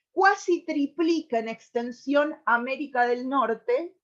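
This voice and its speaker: An Argentine woman presenting on a radio program, explaining at length and pausing often on fillers as she gathers her thoughts. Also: sits high, fairly bright tone, muffled recording. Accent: Argentine Spanish. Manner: thoughtful, with many hesitations and restarts.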